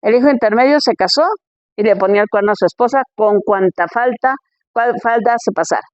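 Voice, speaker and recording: A woman's voice: on the high side, fairly quick, no echo, dull audio. A woman pastor giving a conference sermon in a conversational way, firing rhetorical questions at her listeners.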